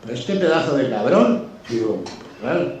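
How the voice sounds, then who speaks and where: Speaking in a medium-pitched, sing-song voice with a darkish tone and moderate pace, a Spanish-accented man appears as a guest. He spins casual stories in a gushing, colloquial manner and swears freely. A distant mic picks him up in a very echoey room with faint background noise.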